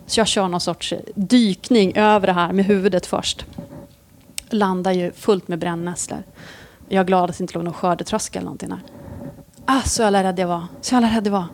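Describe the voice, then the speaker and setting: A woman's voice: fairly low pitch, slight background noise. A woman, a police officer, animatedly telling a story in casual conversation and swearing freely. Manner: lively, swears freely, acts out scenes.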